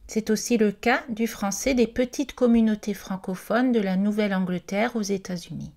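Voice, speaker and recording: A woman's voice: medium pitch, normal speed, darkish tone. A woman reading an informational presentation aloud, carefully and with the odd hesitant aside. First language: not Quebec French.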